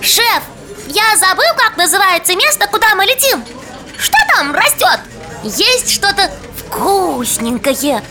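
A woman's voice: extremely high pitch, big pitch swings, slow pace, sharp tone, soft background music, heavily acted. A woman voicing a curious, naive little boy bottle character in a children's story, eager and full of childlike wonder. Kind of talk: children's audio story acting.

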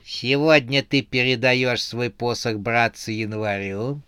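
A man's voice: mid-range voice, steady tone, sharp tone, clean tone, dry recording, clean studio sound. A man doing a mocking, menacing snow maiden. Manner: mocking, slow and drawn out.

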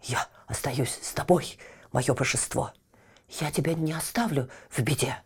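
A woman's voice: a bass voice, a little slow, breathy edge, full character voice. A woman doing a breathless loyal dog, whispered role-play. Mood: timid devotion. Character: loyal brave male dog, trying not to be scared.

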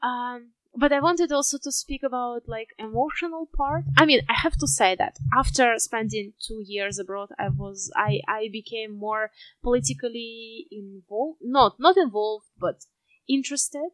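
A young woman with a Russian accent speaks in a fairly high voice, recorded close and dry. She co-hosts a casual, reflective chat and hesitates as she searches for the right words in a language that is not her native Russian. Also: normal speed, no echo, rough recording. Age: 20s. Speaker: podcast co-host.

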